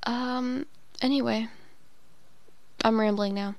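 Young woman, leaving a voicemail, soft whisper, slow, gravelly fry, rambling. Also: fairly high pitch, steady tone, no room sound. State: leaving a late-night voicemail. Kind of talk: casual, intimate phone message.

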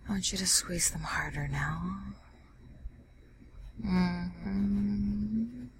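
A young adult woman giving teasing orders in a breathy whispered role-play, close to the microphone. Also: extremely slow, background noise. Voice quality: breathy whisper mixed with low soft voice.

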